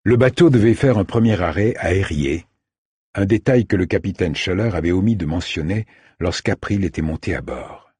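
A man narrating an audiobook in a measured, even reading style. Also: low voice, husky, no room sound, clean studio sound.

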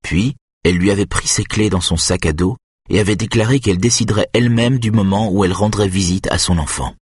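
Deep, husky male narrator. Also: fairly quick, no room sound, studio quality. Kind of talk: audiobook narration.

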